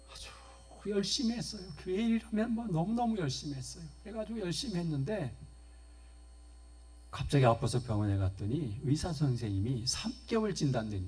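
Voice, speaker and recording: A man's voice: medium pitch, mellow, breathy edge. A man pastor preaching a Sunday sermon at a church service, telling stories and often turning to speak straight to the congregation. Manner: storytelling, often addresses the congregation directly.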